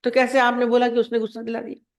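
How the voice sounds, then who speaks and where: A woman's voice: on the high side, monotone, quick pace. Woman spiritual teacher, plain conversational discourse, leans on homely examples and rhetorical questions.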